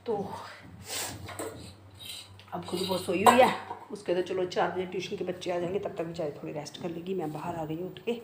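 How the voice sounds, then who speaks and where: A woman's voice: on the low side, steady tone, brisk, pauses often. Chatty middle-aged woman in an echoey room. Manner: rambling, repeats herself, talks to viewers directly. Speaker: vlogger. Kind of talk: casual chatty storytelling to viewers. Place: home, indoors. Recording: echoey room with clear background noise.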